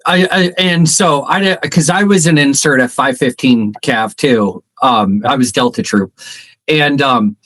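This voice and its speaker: A man co-hosting a podcast, recalling his army days in a halting, casual way with frequent restarts. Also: mid-range voice, a bit bright. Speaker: podcast co-host.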